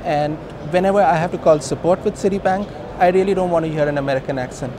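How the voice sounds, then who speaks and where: With a crowd audible behind him, an Indian-accented co-founder in his thirties talks fast and emphatically in an informal business interview. His voice is fairly high, and the busy hosting industry event adds noisy, traffic-like ambience.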